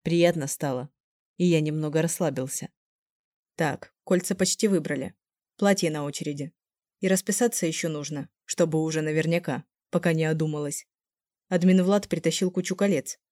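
A woman narrating a first-person novel in a steady, lightly expressive reading. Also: sits low, normal speed, dry recording, studio quality. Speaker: audiobook narrator.

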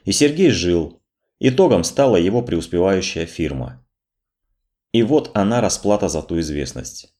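Low-voiced, lively male audiobook narrator. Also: normal speed. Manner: expressive storytelling read.

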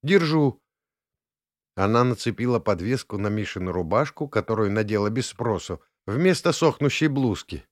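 A man narrating an audiobook in an expressive storytelling manner. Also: fairly low pitch, moderate pace, few pauses, no room sound, studio quality. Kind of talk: scripted narration.

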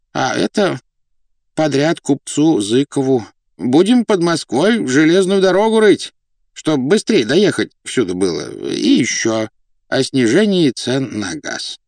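A man voicing an elderly, mild-mannered prince governor in an audiobook, gentle and slightly raised. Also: mid-range voice, no echo, pitched above the performer's own voice. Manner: meek, gentle, mildly insistent.

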